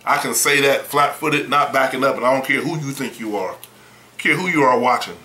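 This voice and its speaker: Blunt, bright-voiced preacher man. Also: medium pitch, a little fast, echoey room, poor audio. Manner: blunt, emphatic, folksy, repeats words. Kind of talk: preaching a sermon.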